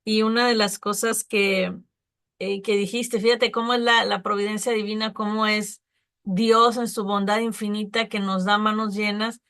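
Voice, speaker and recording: A woman's voice: mid-range voice, flat delivery, moderate pace, a bit bright. A woman moderating a spiritist study group, thanking the speaker and reflecting on the talk.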